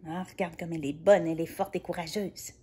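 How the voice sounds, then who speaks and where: A woman reading a picture book aloud to a child, gentle and playful, dropping into soft whispered asides. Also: on the low side, steady tone, fairly quick. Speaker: children's storyteller.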